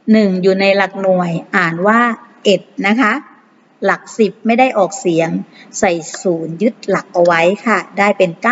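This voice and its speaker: A woman teacher patiently explaining math exercises to primary pupils, reading numbers slowly and repeating them. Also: a little high, slight background noise. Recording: muffled long reverb.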